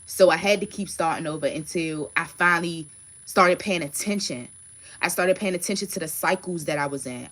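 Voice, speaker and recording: A tarot card reader in her thirties runs a casual livestream, her voice on the low side with a fairly bright tone. She talks bluntly and emphatically, swearing often.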